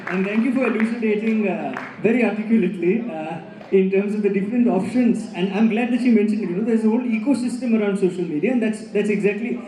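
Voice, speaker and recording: Male panel moderator, high-pitched, long-winded and formal, echoey hall. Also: dark tone. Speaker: interviewer. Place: large hall with an audience.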